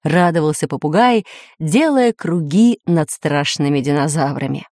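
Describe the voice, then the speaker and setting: A woman narrating a children's storybook in an expressive, animated way. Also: low voice, measured pace, dry recording, studio quality. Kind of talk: storybook reading.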